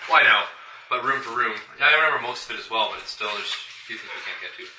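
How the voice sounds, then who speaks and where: A man's voice: mid-range voice, very fast, a crowd in the background. A man chatting casually as a player in a tabletop game. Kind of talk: casual chat. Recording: noisy echoey room, distant mic, clicks.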